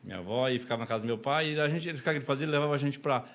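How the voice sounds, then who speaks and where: A man's voice: mid-range voice, rapid-fire, fairly bright tone. Chatty Brazilian man telling stories. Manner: chatty, laughs often, many "né?" tags. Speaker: podcast guest, deacon. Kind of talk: casual interview storytelling.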